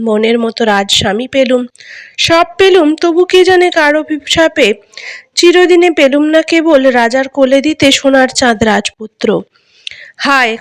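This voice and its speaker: A woman's voice: sits high, dry recording, clean studio sound. A woman voicing a grieving elder queen from a storybook, mournful and tender in her pleading.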